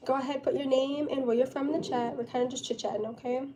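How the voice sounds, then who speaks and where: A woman's voice: high-pitched, fast talker. A young woman live streamer chatting casually and informally with her viewers, with a giggly, chatty manner. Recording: steady background noise.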